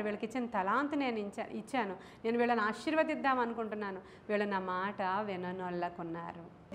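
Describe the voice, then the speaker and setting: A woman's voice: mid-range voice, a little hiss or hum. A woman pastor with a Telugu accent, preaching a sermon to her congregation and asking them questions. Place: church.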